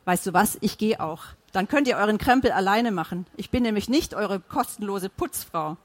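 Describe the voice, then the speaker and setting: Defiant wife voiced by a woman, furious, heated, quick retorts, audiobook. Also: mid-range voice, animated, no echo, close to an everyday voice. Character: defiant furious wife, middle-aged mother.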